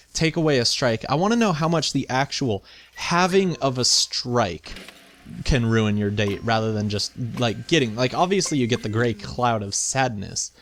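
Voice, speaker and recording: A man's voice: mid-range voice, slight background noise. A man giving casual, chatty video game commentary, thinking aloud with playful mock indignation as he hosts. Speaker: video game let's play host.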